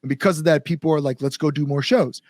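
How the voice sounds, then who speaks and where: An American man, interviewed as a band front-man, speaks casually and earnestly with informal phrasing and mild swearing. His voice is fairly high with a darkish tone, he talks fast, and the recording is dry.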